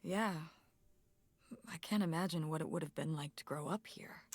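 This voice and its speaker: An actress playing a young daughter in a video game, speaking in a wondering, playful way. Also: female voice, sits low, moderate pace, very noisy, lightly acted.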